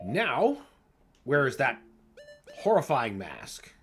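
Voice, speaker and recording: A man's voice: mid-range voice, wildly swooping pitch, takes it slowly, fairly bright tone, faint music behind. A man hosting a gaming livestream, chatting casually and playfully and laughing often as he plays. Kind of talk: casual gameplay commentary.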